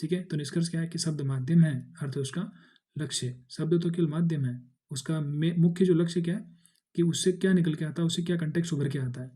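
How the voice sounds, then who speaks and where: A man's voice: fairly high pitch, fast talker, warm tone. A man giving a casual exam-prep lesson, explaining with fillers and restarts and mixing in English words. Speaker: exam tutor.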